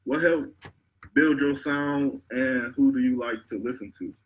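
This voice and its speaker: A man's voice: medium pitch, measured pace, muffled recording. A man from Ohio hosting a radio interview, asking rambling, stop-start questions. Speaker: radio host.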